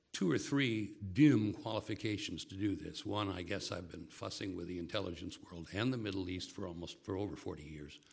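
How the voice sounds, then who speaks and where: Older man, gravelly, lowish pitch, measured lecture with asides. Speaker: speaker.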